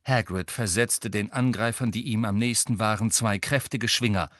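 A man narrating an audiobook in an expressive reading. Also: fairly low pitch, moderate pace, no echo, clean studio sound. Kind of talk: scripted narration.

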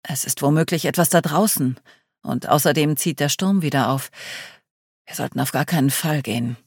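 A woman reading the part of a calm, guarded man leading a group, speaking tersely and evasively. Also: low-pitched, moderate pace, husky, dry recording, clean studio sound. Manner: terse, composed, ominous.

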